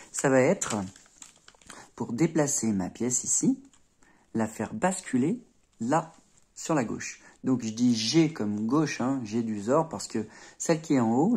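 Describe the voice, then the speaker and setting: This male Rubik's cube tutor speaks in a mid-range, animated voice at a measured pace, dark in tone with a breathy edge. His tutorial is relaxed and conversational, full of check-ins with the viewer and small "hop" and "tac" noises marking every move.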